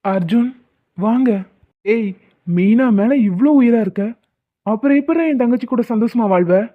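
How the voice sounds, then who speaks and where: A woman's voice: on the high side, normal speed, close to an everyday voice. A woman voicing a confident young man in a cartoon drama, who talks in a teasing, commanding way. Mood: mocking. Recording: dry, phone-like lo-fi.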